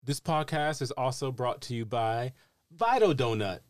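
A man playing an overexcited male announcer in a parody radio ad, booming and salesy. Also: sing-song, normal speed, no echo, clean studio sound, close to an everyday voice. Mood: hyped.

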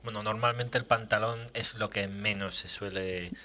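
A man's voice: fairly low pitch, fairly even intonation, moderate pace, bright, forceful tone, slight background noise. A man co-hosting a motorcycle podcast, chatting casually and reading listener emails aloud. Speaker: podcast co-host. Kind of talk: casual chat.

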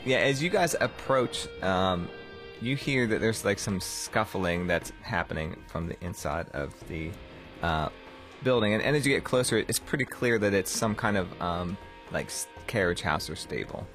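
A man narrating as game master of a tabletop game, relaxed and rambling with lots of fillers. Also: sits low, normal speed, soft background music.

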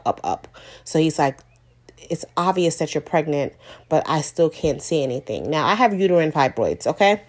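Woman, 30s, low voice; earnest first-person testimony, emphatic repetition. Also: darkish tone. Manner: earnest, emotional, repeats for emphasis. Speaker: mother sharing her story.

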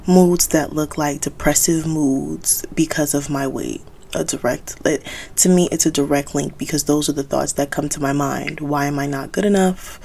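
A woman's voice: sits low, vocal fry, darkish tone, slight background noise. A woman in her twenties hosting a solo podcast, talking candidly and conversationally as she thinks aloud. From United States, Haitian American. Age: 20s. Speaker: podcast host.

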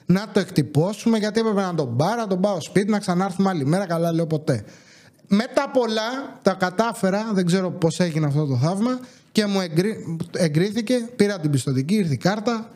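A young man hosting a podcast, telling a story in a casual, animated way and acting out what other people said. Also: sits high. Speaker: podcast host.

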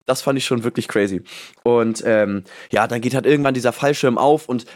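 Male podcast co-host, mid-range voice, chatty and animated, acts out his own reactions while telling a story. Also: medium pitch, a little fast. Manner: animated storyteller, fills speech with "so" and "und so"; acts out his own thoughts as quoted lines. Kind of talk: casual chat, storytelling.

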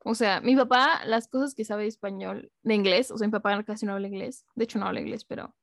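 A woman's voice: mid-range voice, steady tone, fast talker, creaky, no echo, clean studio sound. A woman from Mexico with a Mexican Spanish accent, explaining things in casual chat with plenty of filler phrases.

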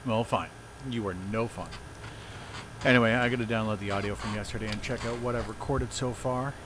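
A man's voice: lowish voice, steady tone, brisk, noisy background, natural voice. An actor playing an enthusiastic, playful male paranormal investigator in an audio drama. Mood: teasing. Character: eager male paranormal investigator and house flipper.

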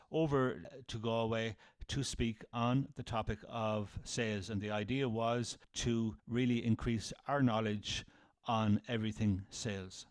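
Middle-aged Irish podcast host, dry sound. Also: male voice, medium pitch, clear, resonant tone, no echo. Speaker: podcast host, sales trainer. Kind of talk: conversational podcast hosting.

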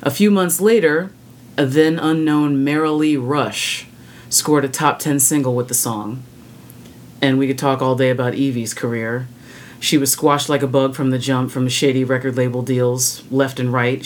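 A music podcast host delivers prepared commentary in a mid-range voice, keeping a steady tone and measured pace. He comes across opinionated and wry, dropping blunt, casual asides. A little hiss or hum sits under the recording.

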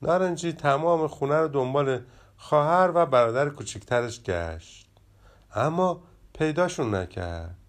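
A man reading a children's story aloud in an expressive, animated manner. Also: on the high side.

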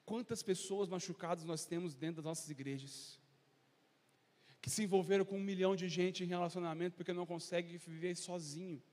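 Impassioned high-voiced man preaching. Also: steady tone, brisk, a little mellow. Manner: impassioned, rhetorical questions, acts out crowd voices. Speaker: pastor. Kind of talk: sermon. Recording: long hall reverb.

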